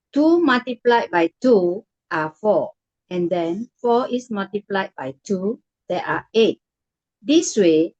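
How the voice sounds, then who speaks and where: Very slow-paced Singlish-speaking woman student. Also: mid-range voice, darkish tone, lo-fi sound. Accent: Singaporean or Malaysian English. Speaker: student in an online class. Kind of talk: reading a text aloud. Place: online video call.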